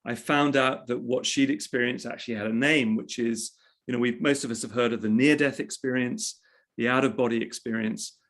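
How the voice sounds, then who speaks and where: A man's voice: mid-range voice, fairly even intonation, brisk, fairly bright tone. A man, a journalist being interviewed, telling a personal story in a reflective way and often restarting his phrases. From England. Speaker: interview guest, journalist and author. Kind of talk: conversational storytelling.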